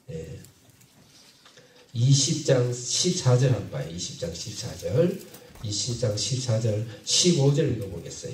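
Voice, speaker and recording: A pastor preaching in a mellow, dark voice, halting and circling back over his phrases as he prompts the congregation. He is heard from some distance in an echoey hall. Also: mid-range voice, a little hiss or hum. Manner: halting, repeats phrases, asks the congregation questions. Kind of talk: sermon with Bible reading.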